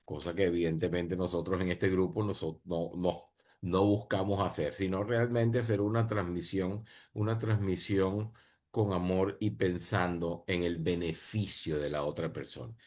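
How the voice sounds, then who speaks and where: A man's voice: low voice, steady tone, moderate pace, darkish tone. A man answering a panel question in an earnest way, often repeating and restarting his phrases, over a video call. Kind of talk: reflective answer in an online panel.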